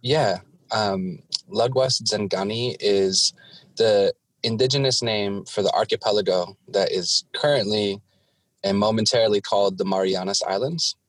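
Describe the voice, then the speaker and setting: A man from the Pacific Northwest of the United States speaking as a guest artist in an interview, explaining things in a deliberate, measured way. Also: on the low side, no echo, rough recording. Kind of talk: interview talk with self-introduction.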